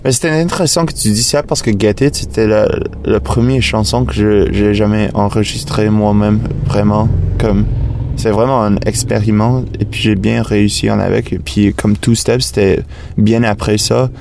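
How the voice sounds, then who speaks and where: A man, a native English speaker with a foreign accent in French, chatting in an interview and haltingly searching for words. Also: on the low side, fairly even intonation, vocal fry, background noise. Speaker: musician being interviewed. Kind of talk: casual interview chat.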